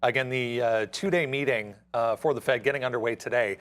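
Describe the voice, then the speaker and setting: A man co-hosting a livestream, explaining market news in an unscripted, halting way. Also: medium pitch, fairly even intonation, fairly bright tone. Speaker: co-host reporting market news.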